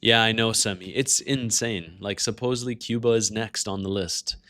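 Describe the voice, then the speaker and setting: Over soft background music, a low-voiced man speaks at normal speed with a sharp tone during a casual market-commentary livestream. Originally a French speaker from Canada, he hosts conversationally, welcoming chat members and answering their questions.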